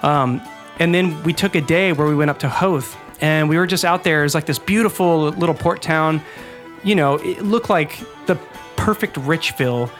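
A young man from Texas, a podcast co-host, telling jokey, animated stories in casual chat. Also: a little high, moderate pace, faint music behind.

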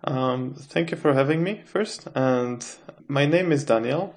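A man's voice: mid-range voice, a little slow. A man, a guest answering interview questions in a thoughtful, hesitant way with frequent restarts. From Czech Republic. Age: 20s. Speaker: guest, adult cello student.

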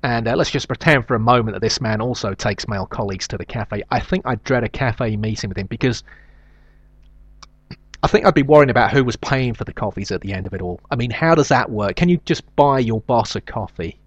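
A man's voice: mid-range voice, a little fast, breathy edge, dry recording. A middle-aged man with a nasal South London accent, hosting a show with a rambling, hesitant, self-deprecating comic monologue. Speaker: show host.

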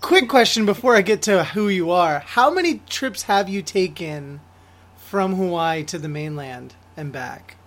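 This podcast host's voice sits in a middle pitch. The host jokes playfully with the guest and laughs often. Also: animated, unhurried, a bit bright. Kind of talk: casual interview.

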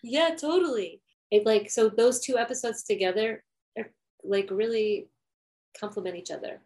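A woman's voice: a little high, normal speed, a little mellow. A woman co-hosting a podcast in casual chat, talking loosely with lots of "like" fillers and laughing easily. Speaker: podcast co-host.

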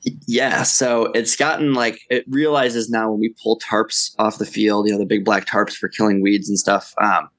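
Low-voiced rambling man, casual podcast chat. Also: flat delivery, moderate pace, a bit bright. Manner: rambling, laughs often. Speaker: podcast co-host.

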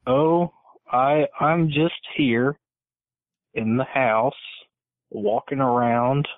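A man's voice: mid-range voice, fairly even intonation, very slow, dry recording. A man phoning in as a guest, talking over a phone line in casual chat, hesitant and stammering. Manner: hesitant, stammers and repeats words. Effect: heard over a phone line.

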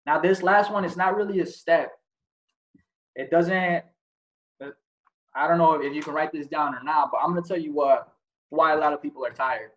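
A man's voice: fairly high pitch, normal speed, long pauses, fairly bright tone, dull audio. A man giving a casual motivational talk as host, blunt and profane, asking many rhetorical questions. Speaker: podcast host.

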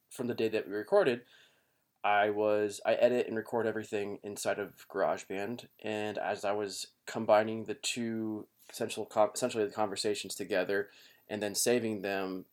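A man's voice: on the low side, darkish tone. A man hosting a podcast, giving a casual, rueful and apologetic spoken intro recorded in a home basement. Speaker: podcast host.

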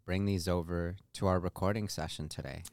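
A man co-hosting a podcast in relaxed, conversational chat. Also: deep voice, brisk, vocal fry, no echo. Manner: relaxed, conversational, uses "like" often. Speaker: podcast co-host. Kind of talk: casual chat.

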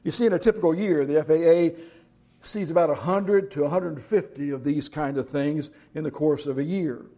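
A man's voice: fairly high pitch, moderate pace, mellow. A middle-aged man preaching a sermon as pastor, telling jokes and stories in a folksy way. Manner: folksy joke-telling storyteller.

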